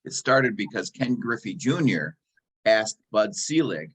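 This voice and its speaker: A man's voice: lowish voice, sing-song, unhurried, fairly bright tone, breathy edge. A man of sixty hosting a casual chat show, easygoing and agreeable, with short affirmations. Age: 60s. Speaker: podcast host.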